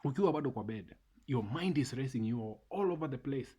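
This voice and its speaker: A man, talking casually and warmly to viewers in a motivational vlog, repeating phrases for emphasis. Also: mid-range voice, expressive, a little fast, slightly rough. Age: 30s. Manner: repeats phrases, mixes in Swahili. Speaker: vlogger.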